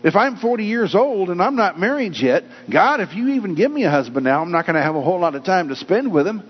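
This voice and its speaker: A pastor preaches a sermon in a husky, high-sitting voice, moving at a quick pace with big swings in pitch. He reads scripture and acts out people's doubts along the way. The echoey hall gives a dull, lo-fi sound with mains hum.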